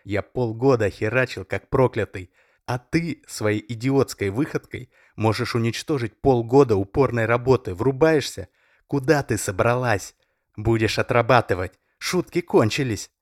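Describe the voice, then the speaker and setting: Male reader doing domineering young thug, loud, menacing, contemptuous. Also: fairly low pitch, normal speed, dry recording, studio quality, voice pushed up, natural voice. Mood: furious. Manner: barking, harsh, menacing shouting.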